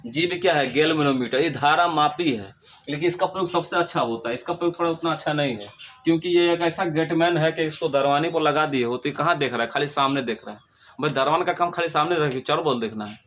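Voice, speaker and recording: A man's voice: on the high side, fairly bright tone, a little hiss or hum. A male physics teacher gives a classroom lecture. He asks questions and answers them himself, repeats his points and jokes with homely analogies.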